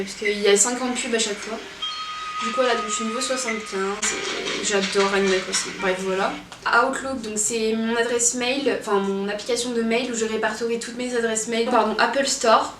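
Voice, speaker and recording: A woman's voice: on the high side, steady tone, normal speed, over music. A young woman vlogging in a casual, rambling way, full of fillers and hesitations. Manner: chatty, rambling with many fillers. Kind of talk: casual chat. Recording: echoey room, from a distance, faint noise.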